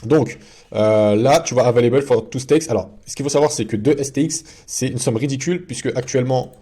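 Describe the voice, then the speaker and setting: A man's voice: medium pitch, fairly quick, warm tone, slightly rough. A man giving a casual screen-share tutorial as a video host, talking in a chatty way with many fillers and restarts.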